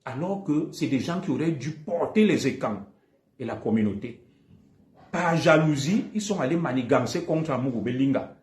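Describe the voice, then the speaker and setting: A man's voice: mid-range voice, lively intonation, moderate pace, a little mellow, reverberant. Combative man with a Cameroonian accent. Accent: Cameroonian French. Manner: combative, repeats accusations emphatically. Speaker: live streamer. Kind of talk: heated livestream monologue.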